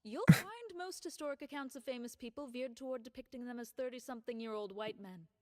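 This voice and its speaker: A noble young female knight king, played by a woman, formal and earnest. Her voice sits high. A crowd is clearly heard behind her. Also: quick pace, natural voice. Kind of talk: comedy fan dub.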